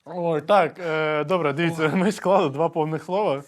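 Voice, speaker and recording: A man's voice: on the high side, fairly even intonation, normal speed. A young man hosting a comedy game show, reading out questions with hesitations and self-mocking jokes. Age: young adult.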